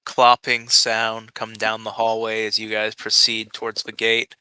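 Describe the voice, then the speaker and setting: A man's voice: lowish voice, monotone, unhurried, bright, forceful tone, smooth, dry recording. A man narrating a tabletop game as its game master.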